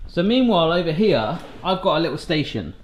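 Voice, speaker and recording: Fairly quick and very animated, a man with a slightly high voice hosts a relaxed home cooking vlog. He banters while walking through the baking steps, recorded in an echoey space with faint noise.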